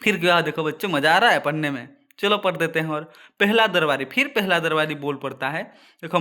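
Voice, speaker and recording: A man's voice: on the high side, sharp tone. A male teacher reading a children's story aloud and explaining the meanings of words, often addressing the children directly.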